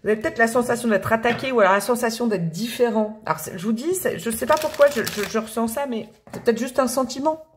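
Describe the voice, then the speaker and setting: A woman's voice: on the high side, quick pace, hardly any pauses, a little hiss or hum. A woman giving a casual, chatty tarot reading, often hesitating and repeating her words. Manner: chatty, hesitant, repeats words, laughs and hums song lines. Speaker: tarot reader.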